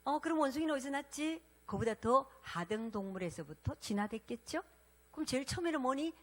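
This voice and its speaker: A woman pastor preaches with animated, lively intonation, pitched fairly high for a woman. She talks to her congregation directly, asking questions and prompting them to respond. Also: a little fast. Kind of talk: sermon.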